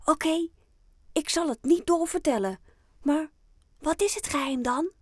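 Woman doing a squealing, excited little girl. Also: high voice, measured pace, no echo, clean studio sound, voice pushed up. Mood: curious. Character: lively little girl, easily amazed. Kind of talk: children's audiobook.

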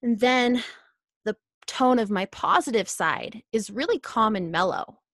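A woman's voice: fairly high pitch, lively intonation, measured pace, a bit bright, dry recording, clean studio sound. A woman guest on a podcast, talking earnestly and casually about self-talk and personal tips.

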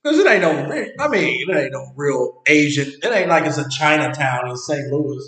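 A man's voice: fairly high pitch, lively intonation, normal speed, crowd noise. A man telling loose, profane stories in a casual chat, acting out quotes between laughs. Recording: roomy, echoey room.

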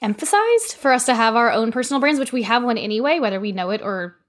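A woman's voice: a little high, expressive, fast. A woman hosting a casual interview, chatty and loose, with many "like"s and "you know"s. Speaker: host.

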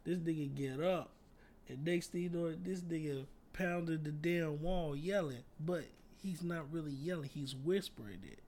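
A slightly high, darkish male voice tells laid-back stories at a measured pace while co-hosting a casual podcast chat, with a little hiss or hum in the recording. His tales are full of slang and profanity, and he laughs through his punchlines.

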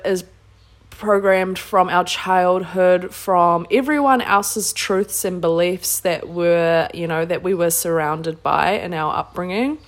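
A woman with a New Zealand accent hosting a casual solo self-help podcast, speaking earnestly, emphatically and informally. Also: lowish voice. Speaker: podcast host.

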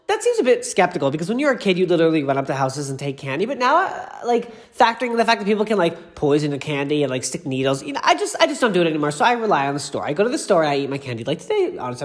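On his casual solo pop culture podcast, a high-pitched man gushes and rambles into tangents, sounding stuffed up from allergies.

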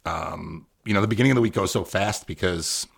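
A man's voice: low voice, fairly quick, vocal fry, slightly rough. A man in his thirties co-hosting a podcast in casual chat, loose and laughing, swearing now and then. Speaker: podcast co-host.

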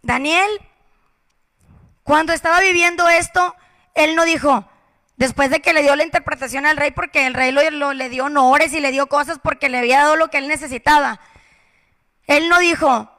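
A woman preaching a passionate sermon, swinging from loud exhortation to hushed whispers. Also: sits high, normal speed. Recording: reverberant hall.

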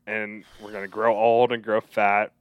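A man's voice: lowish voice, little pitch movement, a little slow, clear, resonant tone, no echo, highs cut off. A young man co-hosting a casual podcast, eagerly retelling and quoting favorite movie scenes. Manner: enthusiastic retelling of film scenes, quoting lines. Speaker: podcast co-host.

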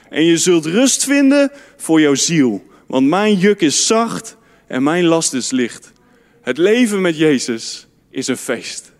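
A man preaching a fervent sermon to a youth congregation in a church hall, often calling out amen and hallelujah. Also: a little high. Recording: long hall reverb.

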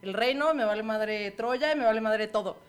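A man's voice: high-pitched, moderate pace, clean tone, close to an everyday voice. A woman playing a defiant, lovestruck young man who talks in brash Mexican slang. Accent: Mexican Spanish.

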